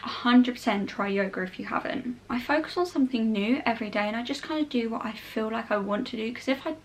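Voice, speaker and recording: A young adult woman with a southern English accent talks quickly in a slightly high voice. She is a vlogger answering viewer questions in a casual Q&A to camera, chatty and informal, frequently dropping "like" and "obviously".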